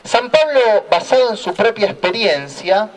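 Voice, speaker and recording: Man, church speaker, high animated voice, unhurried preaching, miked from afar outdoors. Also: a little hiss or hum. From Argentina. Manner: slow, deliberate storytelling with repeated refrain. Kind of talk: preaching talk. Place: outdoor town square. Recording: voice heard from a distance.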